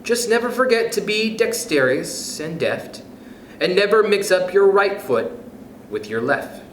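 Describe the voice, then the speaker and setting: Man, youth club storyteller, unhurried and sing-song, playful picture-book reading, echoey room. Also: sits high, slight background noise. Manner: expressive, playful, chuckles between passages. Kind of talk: children's picture book read-aloud.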